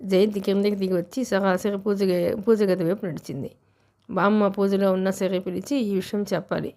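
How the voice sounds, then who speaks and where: A woman's voice: mid-range voice, steady tone, normal speed, a little mellow. A woman narrating a novel as an audiobook reader, telling the story steadily.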